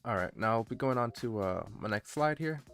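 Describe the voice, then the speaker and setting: A man's voice: mid-range voice, expressive, brisk, a bit bright, soft background music. A man chatting casually on a livestream, rambling and hesitant as he answers his viewers and gets easily distracted. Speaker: streamer, VTuber introducing his channel. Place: indoor streaming setup, background music behind the voice.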